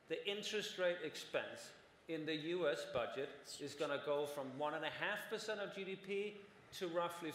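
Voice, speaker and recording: A man in his forties, a conference panelist, gives long explanations and keeps checking in with "right?" His voice sits on the high side and sounds a bit bright. He's on the stage of a large conference hall, where the roomy space adds long reverb and there's slight background noise.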